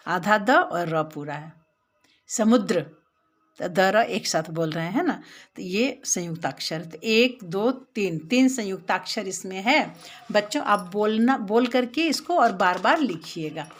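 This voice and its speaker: A woman with an Indian accent teaching a lesson to young children, patiently explaining step by step and repeating words. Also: mid-range voice. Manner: addresses the children directly.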